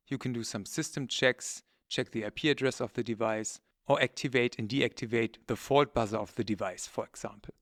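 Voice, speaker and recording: This is scripted technical product training, presented by a man whose mid-range voice is methodical and matter-of-fact. The recording is clean studio quality without room sound.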